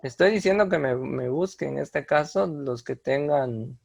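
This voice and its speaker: A man's voice: mid-range voice, a little slow, gravelly, darkish tone, breathy edge. A man explaining computer commands step by step in a screen-recorded tutorial, with frequent fillers and restarts. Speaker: instructor.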